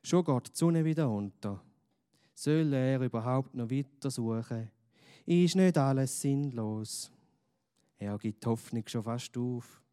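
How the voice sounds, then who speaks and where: A man narrating a children's story gently, with questions to the listener. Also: medium pitch, lively intonation, measured pace, clear, resonant tone.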